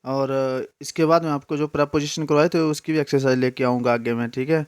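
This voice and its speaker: A man's voice: medium pitch, steady tone, a little fast, smooth. A man giving a casual spoken grammar lesson, mixing in English terms and repeating his own questions before answering them.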